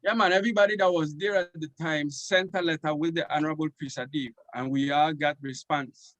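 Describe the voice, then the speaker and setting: A man's voice: on the high side, steady tone, fairly quick, a bit bright, no echo, dull audio. A man, a guest speaking in devotional Rastafarian phrasing with respectful forms of address. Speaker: interview guest. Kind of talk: conversational storytelling and letter reading in Rastafarian speech.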